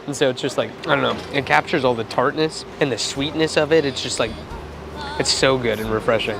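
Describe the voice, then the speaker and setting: A man's voice: medium pitch, fairly quick, gravelly, background noise. A man in his twenties, a vlogger, talking casually to camera in a self-deprecating, rambling way. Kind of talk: casual vlog talk to camera. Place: outdoors in summer heat, then indoors.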